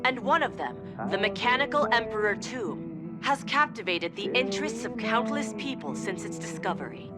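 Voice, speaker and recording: A woman's voice: medium pitch, expressive, moderate pace, loud music behind the voice, close to an everyday voice. A woman voicing a polished corporate news anchor in a video game, reading in a formal, presentational manner. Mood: poised, official. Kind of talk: scripted news broadcast, video game voice acting.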